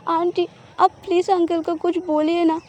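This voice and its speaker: A woman's voice: high voice, normal speed, dark tone, lightly acted. A woman voicing a reluctant, irritable young wife who sulks and pleads. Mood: pleading, tearful. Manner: pleading, sulky.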